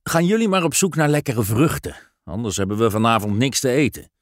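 A man's voice: medium pitch, big pitch swings, brisk, dry recording, studio quality, close to an everyday voice. A man playing a tired, patient father in a children's story, weary and a little breathless. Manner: weary and breathless, mildly grumbling.

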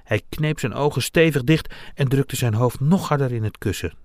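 A man reading a children's fantasy story aloud with expressive, dramatic narration. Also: mid-range voice, moderate pace, no echo, studio quality.

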